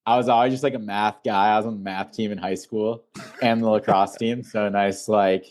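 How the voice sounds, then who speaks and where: A young man from Illinois, a founder being interviewed, talking in a relaxed, rambling way full of "like" fillers. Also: fairly low pitch, moderate pace. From Illinois, USA. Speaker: founder and guest. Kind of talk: casual interview.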